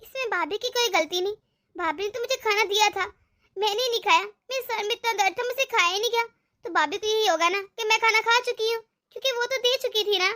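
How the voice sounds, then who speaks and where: A woman voicing a meek, self-blaming young widow in an animated family story, speaking softly and sorrowfully. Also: very high-pitched, brisk. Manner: soft, sorrowful, tearful. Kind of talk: animated cartoon voice acting.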